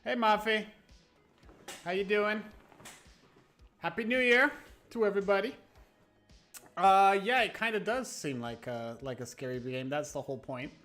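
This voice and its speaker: Streaming without a webcam through a new close mic, this host has a high, bright, forceful voice that's animated yet unhurried, with frequent pauses. Over background music, he chats loosely with viewers in a meandering, stop-start manner.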